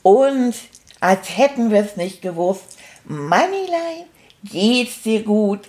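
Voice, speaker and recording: A woman's voice: mid-range voice, lively intonation, slow, a little mellow. A woman voicing a cheerful, cheeky male stuffed toy rat, retelling events in a chatty, rambling, fond way. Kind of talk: first-person storytelling.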